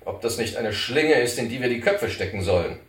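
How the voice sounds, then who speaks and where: A wary, suspicious oil prince, as a male narrator plays him, weighing each doubt slowly. The pitch moves in a lively way. The voice sounds roomy and distant. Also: close to an everyday voice. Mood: cautious. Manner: slow, hesitant.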